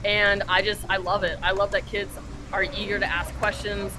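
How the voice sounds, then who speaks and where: A young woman counselor talks earnestly about coaching kids at outdoor courts, repeating how much she loves it. Clear background noise sits under her mid-pitched voice. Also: flat delivery, normal speed. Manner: eager and earnest, repeats "I love". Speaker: tennis camp counselor. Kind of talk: casual interview answer.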